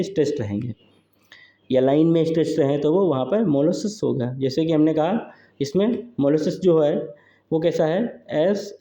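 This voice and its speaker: A man's voice: on the high side, mellow. A man teaching English poetry meter for exam preparation, who repeats each term and keeps checking in with his students. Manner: repetitive, drills terms aloud, says "ठीक है दोस्तों" often. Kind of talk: exam-prep lecture. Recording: echoey room, dull lo-fi sound.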